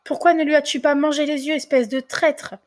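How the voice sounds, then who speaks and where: A woman doing a wicked old witch whose voice jumps high above a storyteller's and calls in a wheedling sing-song. She is impatient and cruel, a fairy-tale ogress. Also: fairly even intonation, brisk, close to an everyday voice. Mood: furious.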